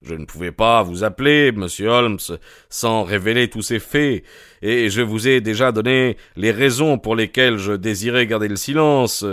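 A man voicing a grave, cautious male country doctor in an audiobook, measured and earnest. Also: on the low side, fairly bright tone, clear, resonant tone, dry recording, clean studio sound, close to an everyday voice. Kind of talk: audiobook character reading.

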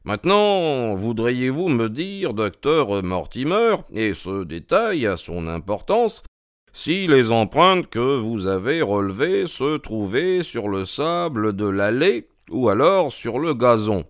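A man's voice: medium pitch, no room sound, studio quality. Man voicing Sherlock Holmes, keen and probing. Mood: inquisitive. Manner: quick, questioning, excited interjections. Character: keen, probing male detective, eager and precise. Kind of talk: audiobook character reading.

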